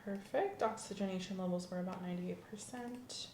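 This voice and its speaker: Calm and attentive, a woman plays a courteous female doctor giving a reassuring checkup in ASMR roleplay, asking methodical questions in a polite, professional way. Her mid-range voice is fairly quick, a little mellow, and near her everyday voice. There's faint background noise and a roomy sound.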